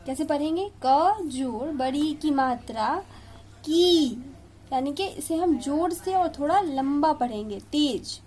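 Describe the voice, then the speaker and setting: A woman's voice: high voice, expressive, measured pace, hardly any pauses, warm tone. A young woman teaching a kindergarten Hindi lesson, stretching out and stressing each syllable for small children. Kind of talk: slow classroom video lesson.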